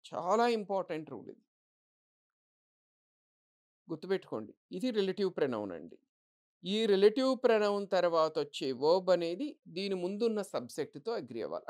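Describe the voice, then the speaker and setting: This woman's voice sits on the low side, a little mellow, with big swings in pitch. Preparing students for exams, she quizzes the class on English grammar, supplies the answers herself, and reads example sentences with slow deliberation.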